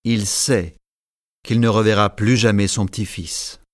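Low-voiced male storyteller, measured and clear. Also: fairly even intonation, no echo, studio quality. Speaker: narrator. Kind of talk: scripted narration of a simplified classic novel.

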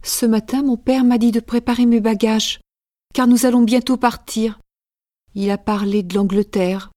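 A man reading a classic novel aloud and voicing a gentle, lovestruck young woman in a high, soft girlish voice. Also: fairly even intonation, moderate pace. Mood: sad.

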